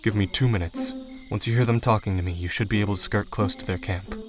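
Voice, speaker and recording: A man's voice: lowish voice, fairly even intonation, fast, lightly acted. A man playing a protective tracker in an audio drama, dry and teasing but reassuring. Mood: planning. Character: wry, protective male tracker leading young companions.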